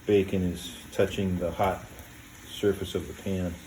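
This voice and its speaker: A man hosting a casual cooking video in a home kitchen, talking step by step in a relaxed, plain way with many "uh"s and "um"s. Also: sits low, measured pace, slight background noise. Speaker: home cooking show host.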